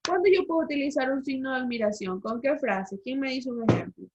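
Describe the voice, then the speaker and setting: Woman, teacher, online lesson, explanatory, questioning, slightly high pitch, dull lo-fi call sound. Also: a little fast, background noise. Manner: explanatory, quizzing the class with questions.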